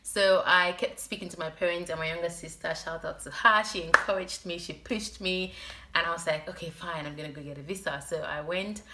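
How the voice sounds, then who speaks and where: Young woman, slightly low pitch, forceful bright tone, sore throat, casual vlog storytelling. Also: fairly quick, slight background noise. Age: young adult. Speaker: vlogger. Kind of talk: casual personal storytime to camera.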